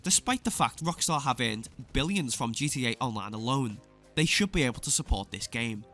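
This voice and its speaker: A man's voice: medium pitch, expressive, moderate pace, sharp tone. Sarcastic, scathing male video essayist over music. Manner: sarcastic, scathing exposé delivery. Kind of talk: scripted opinion commentary. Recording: clear music bed under voice. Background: background music.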